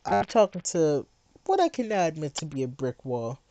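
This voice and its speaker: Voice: mid-range voice, sing-song, moderate pace, dark tone, highs cut off. Sarcastic late-night streamer ranting. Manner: sarcastic, heated, mocking. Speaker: livestreamer. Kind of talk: late-night livestream rant.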